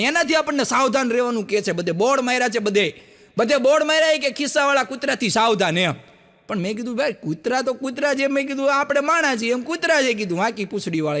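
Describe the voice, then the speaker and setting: A man performs live stand-up, spinning folksy village jokes. His voice sits high, and he trades quoted lines between characters in rapid dialogue. A long reverb hangs behind him on the stage. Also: a bit bright. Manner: folksy storyteller acting out villagers' lines in quick quoted exchanges. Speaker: stand-up comedian telling jokes. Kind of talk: live stand-up joke telling. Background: audience laughter.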